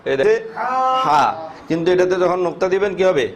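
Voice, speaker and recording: A crowd can be heard behind a high-pitched, fast-talking Quran teacher as he teaches Arabic letter pronunciation. He asks questions, answers them himself, and draws out the sound of each letter.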